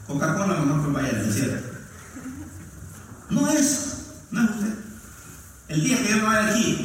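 A man's voice: on the high side, recorded from a distance, a little hiss or hum. A male pastor preaching a sermon in a church, joking with the congregation as he goes. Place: church hall. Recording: echoey hall, mic from afar.

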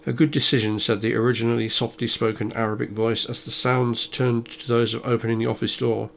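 A man reading a thriller as scripted narration, measured and even, lightly voicing the dialogue. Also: medium pitch, vocal fry, slight background noise. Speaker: audiobook narrator.

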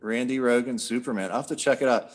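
A man's voice: mid-range voice, steady tone, fast talker. A man hosting a casual video-call interview, joking and laughing often. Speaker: podcast host.

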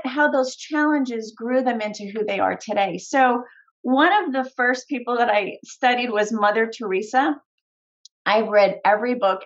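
A woman guest on a podcast, talking earnestly and warmly with occasional "um" fillers. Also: on the high side, dull audio. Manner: earnest and heartfelt, with hesitant fillers. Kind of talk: conversational interview answers.

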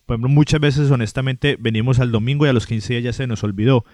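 Calm Colombian man, dry close sound. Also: mid-range voice, quick pace, no room sound. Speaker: podcast co-host. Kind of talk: casual chat.

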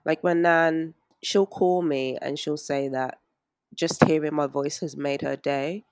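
A woman, an interview guest talking anxiously in a halting way with many fillers and restarts. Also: sits low, fairly even intonation, no room sound, studio quality. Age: 20s. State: anxious and strained. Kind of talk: emotional interview.

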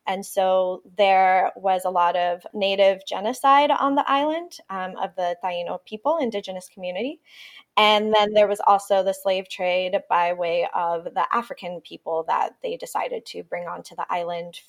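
A yoga teacher who grew up in Puerto Rico as a native Spanish speaker reflects thoughtfully as a guest in a podcast interview, using fillers like "you know." Her voice is fairly low and fairly even, at a normal speed.

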